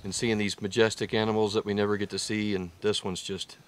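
A man in his forties with a lowish voice talks casually as the host of a hunting vlog. His delivery is halting and full of awe. The sound is a little distant, picked up by a camera mic in the field. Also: level tone. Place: hunting blind and outdoor bushland.

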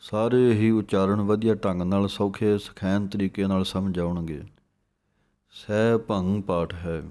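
A man's voice: on the low side, fairly even intonation, moderate pace, mellow. A man with a Punjabi accent teaching careful scripture pronunciation, sounding words out syllable by syllable and then explaining them. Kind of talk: slow, careful recitation lesson.

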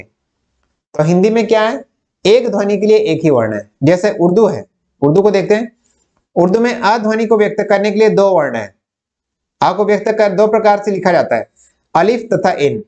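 North indian guy teaching hindi, kinda high voice, asks himself questions then answers them. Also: a little mellow. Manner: explains step by step, asks and answers his own questions. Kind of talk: whiteboard lecture.

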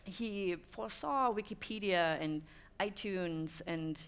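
Speaking slowly in a medium-pitched, clean voice, a German woman in her thirties delivers a thoughtful conference talk. She fills her speech with frequent "um"s before an audience in a dimly lit room with stone walls.

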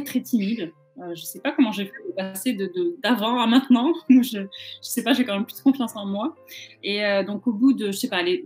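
A woman's voice: medium pitch, a little mellow. A young woman from southern France, chatting informally and self-deprecatingly in an interview over a video call. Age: young adult. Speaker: interviewed actress. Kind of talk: casual interview chat. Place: indoor room at home, video call. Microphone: video call microphone.

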